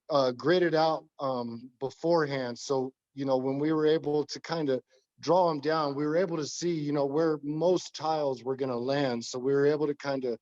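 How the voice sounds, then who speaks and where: Guy w a voice going hoarse, halting casual tour of his tilework, kinda muffled recording. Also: on the high side, darkish tone. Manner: hesitant, halting. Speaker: tile installer showing his work. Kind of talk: casual informal walkthrough talk.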